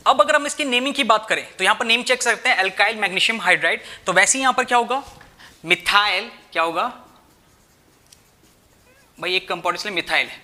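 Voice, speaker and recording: Bright-voiced young male chemistry teacher. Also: high-pitched, normal speed, long pauses. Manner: repeats "theek hai" and asks rhetorical questions; addresses students as "bhai". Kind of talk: explaining at a whiteboard, Hindi-English mix.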